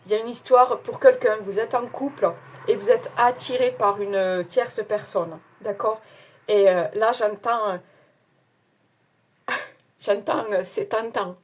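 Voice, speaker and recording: A woman's voice: mid-range voice, fairly even intonation, a little slow. A woman with her own accent, reading tarot cards to her viewers in a casual, hesitant way with many fillers. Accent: non-standard French accent. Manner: chatty, hesitant with many fillers, laughs at herself. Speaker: tarot card reader.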